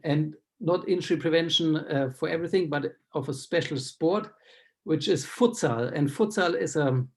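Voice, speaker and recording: A man who is a doctor hosting an online interview, friendly and full of ums as he asks questions. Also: a little high. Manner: friendly, with many ums while asking questions. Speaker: doctor and host.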